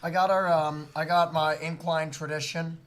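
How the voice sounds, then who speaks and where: A man's voice: a little high, flat delivery, moderate pace. A man co-hosting a baseball fan livestream, rambling with lots of fillers. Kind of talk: casual fan chat.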